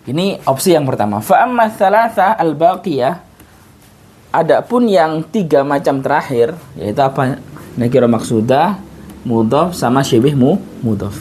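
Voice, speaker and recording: A man's voice: on the high side, a little mellow, slight background noise. A male teacher giving a casual, repetitive grammar lesson, often breaking off mid-word and restarting. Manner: casual classroom talk with tags like "ayo" and "gitu". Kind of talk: informal recorded grammar lesson.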